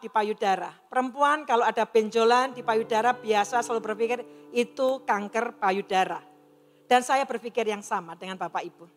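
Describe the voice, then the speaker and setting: A middle-aged woman giving an earnest personal testimony to an audience in a large hall, acting out the dialogue she quotes as she tells her story. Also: high-pitched. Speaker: testimony speaker. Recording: long reverb of a large hall.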